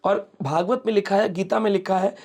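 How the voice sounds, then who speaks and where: A man's voice: sits high, fairly even intonation, normal speed, darkish tone. Man explaining scripture in storytelling tone. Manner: storytelling, mixes English words, acts out quoted speech. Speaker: spiritual speaker. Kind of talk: explanatory interview talk.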